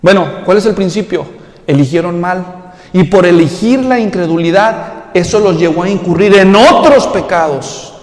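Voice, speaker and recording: A man preaching a sermon, animated and humorous, acting out quotes in a raised voice. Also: high-pitched, moderate pace. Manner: humorous storytelling asides. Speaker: pastor. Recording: echoey hall reverb.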